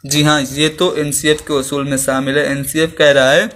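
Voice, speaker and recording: Male exam-prep tutor, higher voice, patient step-by-step explainer who restates terms plainly. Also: flat delivery, fairly bright tone. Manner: explains each Urdu term again in plain Hindi and English; slows down to demonstrate example sentences. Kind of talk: lesson explaining exam questions.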